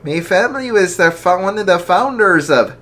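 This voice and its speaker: Voicing a kind, gentle, jolly archbishop who is tall and older, a male storyteller speaks expressively at normal speed, placing the character's voice far higher than his own.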